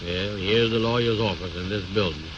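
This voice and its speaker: Man playing a pompous, low-voiced know-it-all. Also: fairly quick, natural voice. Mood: bossy, evasive. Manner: blustering, self-important, folksy ungrammatical speech. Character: pompous, bossy, know-it-all man bluffing his friend. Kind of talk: 1930s-40s radio comedy acting. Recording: muffled, noisy old radio recording.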